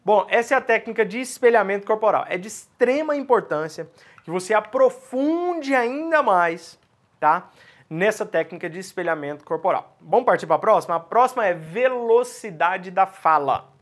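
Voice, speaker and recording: A man's voice: high voice, lively intonation, normal speed. A man teaching sales communication, talking straight to his viewers and answering his own questions. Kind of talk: instructional talk to camera.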